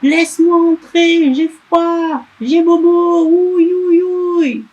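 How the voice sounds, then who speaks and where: A tiny boy elf from a storybook, squeaky and whimpering, who begs for comfort with every line. His voice climbs very high and drags out slowly, as a woman reading aloud puts him on. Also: steady tone, darkish tone, lo-fi sound, heavily acted. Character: small whiny boy elf, needy and pleading.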